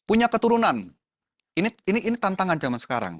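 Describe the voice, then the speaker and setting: A man's voice: sits high, very animated, quick pace, dry recording, clean studio sound. Chatty man. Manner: chatty, mixes in English words, addresses the audience as friends. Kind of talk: casual talk to a youth group.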